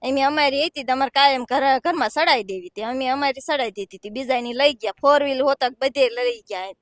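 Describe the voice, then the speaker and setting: High-voiced distressed woman. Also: brisk, a bit bright, no echo, clean studio sound. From Gujarat, India. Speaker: villager interviewed. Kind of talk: emotional testimony.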